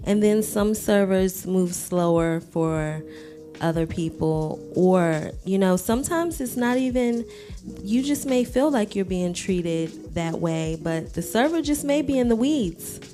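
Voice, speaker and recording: A woman's voice: medium pitch, expressive, measured pace, mellow, faint music behind. A woman from Washington, D.C., co-hosting a casual podcast chat, candid and frank, with some swearing. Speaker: podcast co-host.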